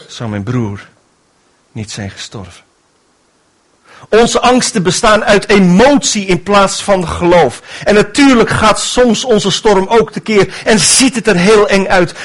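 Emphatic high-voiced male preacher. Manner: emphatic, swings between hushed and raised. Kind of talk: sermon.

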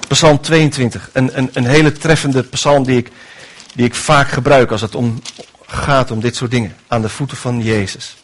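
A man preaching a sermon, emphatic and repetitive, swinging between hushed and raised delivery. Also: medium pitch, fairly even intonation, moderate pace.

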